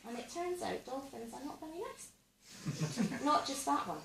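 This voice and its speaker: Deadpan woman doing stand-up. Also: high-pitched, moderate pace, creaky, background noise. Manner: dry, deadpan storytelling. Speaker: stand-up comedian and host. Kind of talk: stand-up comedy set. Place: theatre stage before a live audience. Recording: echoey theatre, mic at a distance.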